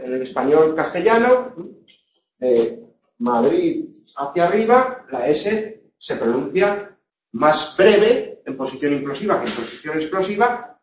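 A man teaching a class on pronunciation, drawing out his examples slowly and checking in with the students again and again. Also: on the high side, a little hiss or hum. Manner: slow, drawn-out examples with frequent "¿eh?" and "¿vale?" checks. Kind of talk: classroom lecture on phonetics. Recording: echoey room, distant lo-fi mic.

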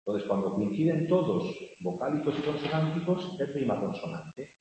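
A man's voice: a little high, sing-song, moderate pace. A man, teaching a class on poetic meter and often asking "¿no?" to check his students are following. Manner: chants vowels loudly when scanning verse. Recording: echoey hall with faint hiss, mic far off.

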